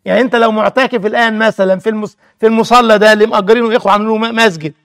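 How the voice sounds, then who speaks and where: A man's voice: high-pitched, fairly even intonation, rapid-fire, fairly bright tone, dry recording, clean studio sound. A man with an Egyptian Arabic accent teaching a religious lesson, who keeps quizzing his listeners with rhetorical check questions.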